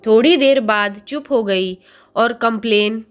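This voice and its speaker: Slow, gentle woman storyteller. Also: on the high side. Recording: faint background music.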